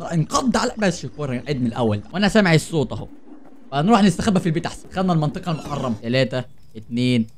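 A young man with an Egyptian accent, joking and getting startled while he plays a horror game for his viewers. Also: on the high side. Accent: Egyptian Arabic. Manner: jokey, easily startled, chatty with viewers. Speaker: gaming channel host. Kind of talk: horror game let's play commentary.

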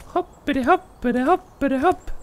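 In this let's play, a performer plays a cozy, cheerful bear with a childlike, easily delighted nature, chirping about what "we" are doing. The voice is high and only lightly acted.

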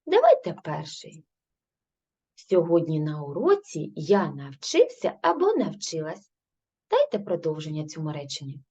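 Ukrainian woman, primary teacher, slow and patient, husky mellow voice, lively pitch, dull lo-fi recording. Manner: slow, patient questioning and answering herself. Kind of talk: recorded grade-three language lesson.

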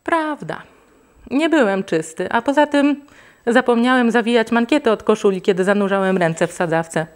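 A woman reading a children's book aloud in a lively, expressive way. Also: a little high, a little fast. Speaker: reader.

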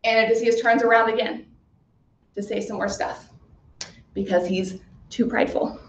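Woman, teacher, chatty casual explanation, slightly high voice, echoey room, muffled. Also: steady tone, moderate pace, vocal fry, slight background noise. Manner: chatty, many "like" fillers.

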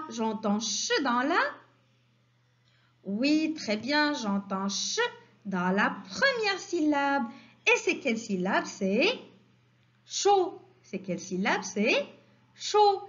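A woman teaching a phonics lesson to young children, stressing each syllable slowly in a sing-song way. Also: sits high, big pitch swings, fairly bright tone, dull audio.

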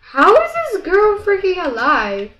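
A high, bright-voiced woman co-playing a match, bossy and teasing as she gives quick orders to her teammate. The sound is echoey, like a bare room. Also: sing-song. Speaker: co-player. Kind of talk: casual gameplay chat.

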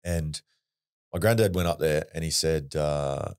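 A man's voice: extremely low pitch, unhurried, clear, resonant tone. An Australian man, a podcast guest, telling a personal story in a blunt, earnest way and swearing freely. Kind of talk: casual storytelling.

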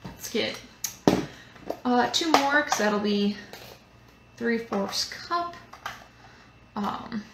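Speaking extremely slowly with long pauses, a young woman in a somewhat high, expressive voice hosts a museum cooking show's live demo from her home kitchen. She's casual, chatty and rambling, full of fillers. Background noise and echo fill the kitchen.

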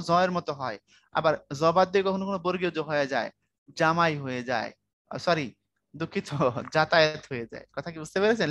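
A man with a fairly high voice gives a relaxed spelling lesson. He speaks informally and keeps asking his students whether they follow. The recording is close and dry, with no room echo. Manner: conversational, asks students if they follow, colloquial speech. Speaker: Bangla language teacher. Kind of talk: casual online lecture.

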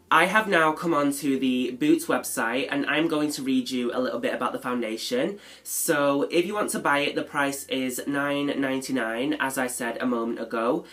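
Guy with a cold, all stuffed up and nasal, rambly makeup vlog chat, mid-pitched voice. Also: a bit bright. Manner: chatty, rambling, self-deprecating. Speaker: beauty vlogger. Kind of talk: casual chat.

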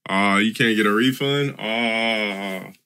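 A male game streamer talks casually to his chat in a fairly low, punchy voice. He is blunt and dismissive, leaning on slang and cursing, and the sound is dry with little room. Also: fairly quick, bright, forceful tone, no echo. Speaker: video game livestreamer. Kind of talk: casual livestream chat with heavy profanity.

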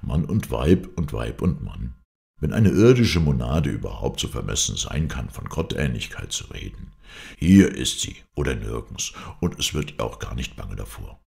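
A brooding, grief-struck man muses sadly on his fate in a hoarse voice, as a male reader gives him voice. The tone is extremely deep and gravelly, yet the pitch rises and falls widely. This is a storybook reading with a philosophical, mournful manner. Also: sing-song, moderate pace, a little mellow, heavily acted. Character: melancholy, brooding man grieving his lost wife and son.

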